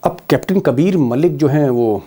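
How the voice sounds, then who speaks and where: Male political commentator, fairly high voice, emphatic, rhetorical, repeats his points for stress. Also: animated, normal speed, dark tone, breathy edge. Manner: emphatic, rhetorical questions, repeats key phrases.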